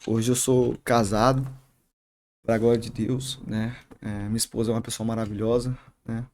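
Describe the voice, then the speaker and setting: A man, a barber and youth leader, telling his faith story in a podcast interview, halting often and tagging sentences with "né?". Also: mid-range voice, little pitch movement, darkish tone. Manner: halting, many restarts and "né?" tags. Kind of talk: emotional testimony in casual interview.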